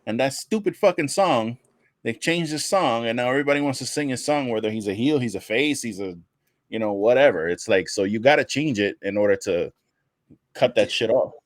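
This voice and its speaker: A man co-hosting a wrestling podcast in casual chat, animated and profane, swearing often. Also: medium pitch, fairly quick, dry recording, studio quality. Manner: animated, profane, laughs while retelling. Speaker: podcast co-host.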